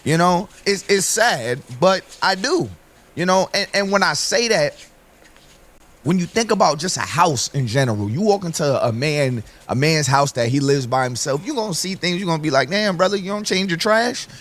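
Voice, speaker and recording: A man with a dry, hoarse throat giving his opinions in a commentary video and talking straight to his viewers. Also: a little high, expressive, normal speed, a bit bright. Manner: opinionated, conversational, addresses viewers directly. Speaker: online commentator.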